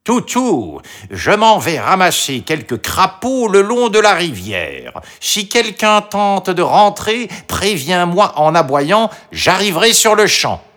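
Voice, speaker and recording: Shrill, bossy sorcerer, a man doing the voice; high and loud, slow orders. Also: sing-song, heavily acted. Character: hideous male sorcerer, hurried and bossy.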